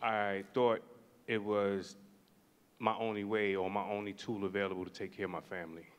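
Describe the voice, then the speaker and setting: A man in his forties from New York telling his life story as a panel guest, measured and reflective with pauses. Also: lowish voice, level tone, smooth. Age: 40s.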